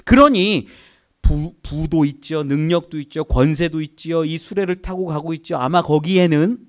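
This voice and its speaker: A male pastor preaching a sermon in a church. He keeps asking the congregation questions and swings between loud outbursts and hushed near-whispers. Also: on the high side, moderate pace. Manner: animated, asks the congregation rhetorical questions. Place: church sanctuary.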